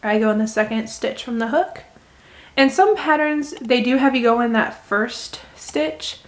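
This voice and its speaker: Chatty woman with a higher voice. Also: measured pace. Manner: chatty, talks through each step. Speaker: crochet video host. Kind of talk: casual crochet tutorial.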